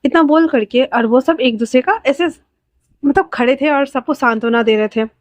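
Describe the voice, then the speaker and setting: A woman's voice: sits high, moderate pace, no echo. A woman telling a fan-fiction love story aloud, reading the characters' lines in her own voice and raising it when they cry out.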